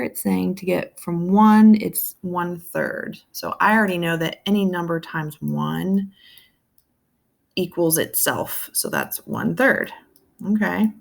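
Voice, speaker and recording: A woman's voice: fairly low pitch, vocal fry. A woman teaching a recorded math lesson, thinking aloud step by step and checking in with viewers.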